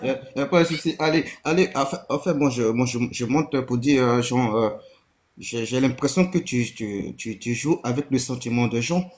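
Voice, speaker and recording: Un homme qui intervient dans un débat en direct en ligne, au haut-parleur, faible et lointain, hésitant et plein de reprises. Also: male voice, medium pitch, moderate pace. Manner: hesitant, many restarts and stammers. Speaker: guest joining a live stream. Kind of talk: live online debate.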